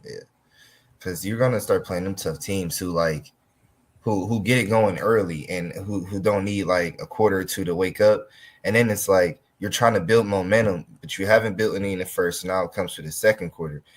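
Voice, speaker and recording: A man co-hosting a casual college football talk show, talking in a halting way with frequent restarts. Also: low voice. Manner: halting, stumbles and restarts often. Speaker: sports podcast co-host.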